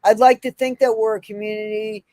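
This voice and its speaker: A woman's voice: on the high side, steady tone, fairly quick, warm tone, no room sound. A woman chatting casually on a live stream as a channel creator, emphatic and repeating phrases for stress.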